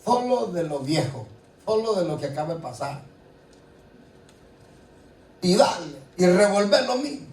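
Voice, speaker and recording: A man's voice: sits high, big pitch swings, measured pace, long pauses, darkish tone, a little hiss or hum. A man preaching a sermon in a conversational way, often asking the congregation rhetorical questions. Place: church. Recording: echoey hall, voice from a distance. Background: faint ambience, congregation responses.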